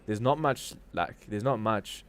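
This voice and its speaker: Slightly bright yet on the low side, this man's voice moves a little slowly against slight background noise. He's a Durban-based crypto livestream host speaking with a South African accent, giving informal, slangy live market commentary while reasoning aloud.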